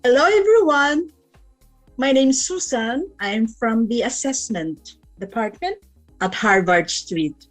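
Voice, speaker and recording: A woman's voice: on the high side, lively intonation, measured pace, soft background music, low-quality recording. A woman from the Philippines who works in a school's assessment department, greeting everyone cheerfully.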